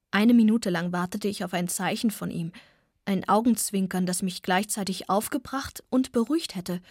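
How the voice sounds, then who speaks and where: A woman reading a first-person novel aloud, soft and often close to a whisper. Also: medium pitch, no room sound. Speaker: audiobook narrator.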